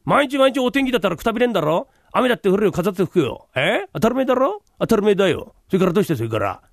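Male rakugo teller playing a brash Edo tenant, rough and impatient, dry close sound. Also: high-pitched, big pitch swings, no room sound. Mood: heckling. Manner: rough, quick-tempered, heckling. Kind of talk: rakugo storytelling.

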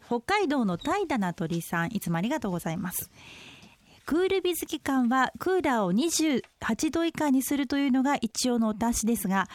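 A woman's voice: high voice, a little mellow. A woman co-hosting a radio show, politely reading listener messages and reacting agreeably. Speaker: radio co-host. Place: radio studio. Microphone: studio microphone.

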